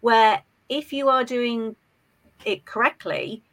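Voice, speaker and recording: A woman's voice: a little high, slow pace, fairly bright tone. A woman on a panel discussion who talks with frequent hesitations and fillers.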